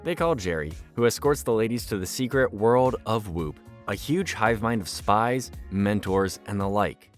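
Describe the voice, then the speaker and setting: A man narrates a scripted story recap in a fairly low voice. He is a storyteller who slips in wry asides, and music plays softly behind him. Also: animated, moderate pace, few pauses.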